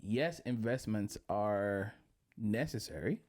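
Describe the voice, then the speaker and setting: A podcast host from the Dominican Republic chats casually, his talk loose, profane, and joking. He speaks slowly and expressively, with a fairly low pitch and a darkish tone.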